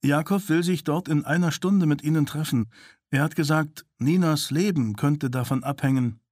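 A man's voice: fairly high pitch, normal speed, darkish tone, no room sound, clean studio sound, pitched above the performer's own voice, natural voice. A man voicing a desperate young male agent, speaking urgently and earnestly in a raised voice.

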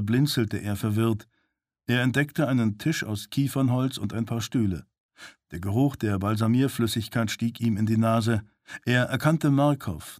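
A man reading a thriller audiobook in measured, even storytelling narration. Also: lowish voice, no echo, studio quality. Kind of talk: scripted narration.

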